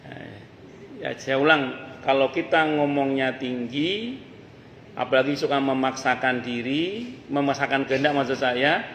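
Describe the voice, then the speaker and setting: A man's voice: fairly high pitch, fairly bright tone, slight background noise. A man giving a conversational religious study lecture in a mosque, mixing folk sayings with asides. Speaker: ustadz teaching a mosque study circle. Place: mosque hall. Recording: echoey mosque hall with faint ambience.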